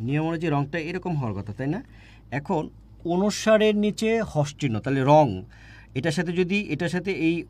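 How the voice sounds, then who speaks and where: A man's voice: fairly high pitch, darkish tone. A man teaching a grammar lesson for exam preparation, repeating points and often checking with "right?". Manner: repetitive, asks students "right?" often.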